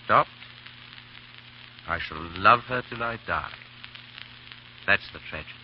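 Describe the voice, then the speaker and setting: An actor playing a daring English baronet who poses as a dandy, urbane and theatrical, in 1930s radio drama style with an English accent. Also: male voice, lowish voice, takes it slowly. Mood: grave, anguished. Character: daring English baronet secretly rescuing victims, posing as foppish dandy. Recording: muffled, hissy 1930s radio recording.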